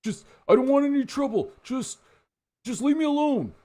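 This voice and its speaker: A man's voice: fairly high pitch, lively intonation, fast, pitched above the performer's own voice, close to an everyday voice. A man voicing a panicky, pleading street thug in a tabletop game, stammering and repeating himself. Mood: panicked, pleading.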